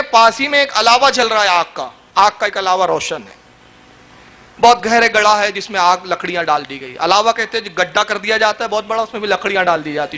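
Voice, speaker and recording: High, bright-voiced impassioned male preacher. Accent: Pakistani Urdu. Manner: dramatic, rising to impassioned declamation. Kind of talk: Urdu religious sermon storytelling.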